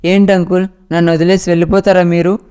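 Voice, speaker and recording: A man's voice: high voice, flat delivery, quick pace, dark tone, clear, resonant tone, close to an everyday voice. A man voicing a young ghost girl who pleads and keeps calling him uncle, in a told ghost story. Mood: pleading.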